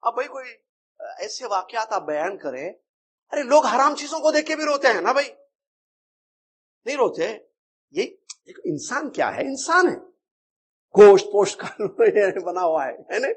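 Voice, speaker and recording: A male religious teacher with a high-pitched voice that carries a husky, slightly breathy edge. He lectures conversationally, often turning to the audience with rhetorical questions. The delivery is an informal teaching talk, not a formal recitation. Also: very animated, long pauses. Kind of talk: Islamic creed lecture.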